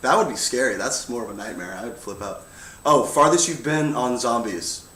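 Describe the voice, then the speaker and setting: A young man chatting casually on a livestream, answering fan questions with a relaxed manner, often laughing and letting his sentences trail off softly. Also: medium pitch, normal speed, recorded from a distance. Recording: roomy, off-mic with faint hum.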